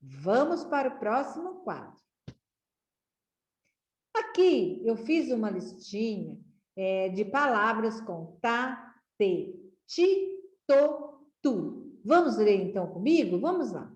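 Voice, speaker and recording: A woman teacher sounding out syllables for young children in a slow, patient, encouraging way. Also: fairly high pitch, very animated, darkish tone. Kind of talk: children's literacy lesson. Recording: echoey room.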